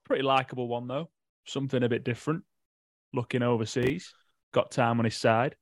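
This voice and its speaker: A man co-hosting a football podcast, chatting with brief replies and quick asides. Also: medium pitch, steady tone, dry recording. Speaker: podcast co-host. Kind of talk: casual football podcast chat. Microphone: podcast microphone.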